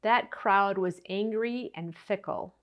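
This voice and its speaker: A woman's voice: medium pitch, highs cut off. A woman giving an earnest Good Friday reflection and reading scripture at a church service. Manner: slow, earnest, expressive delivery. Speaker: church speaker.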